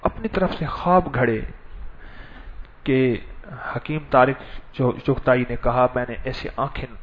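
A man hosting a spiritual gathering, speaking to the audience in a lively, coaxing, conversational way. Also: medium pitch, a little hiss or hum. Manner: animated, coaxing, quick back-and-forth. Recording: dull lo-fi recording.

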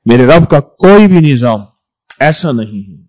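A man delivers a sermon in a fairly high voice. He repeats phrases for emphasis, pushing some words out loudly and letting others drop low and quiet. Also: expressive, low-quality recording. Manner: repetitive, emphatic, swings between loud stresses and soft drops. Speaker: preacher.

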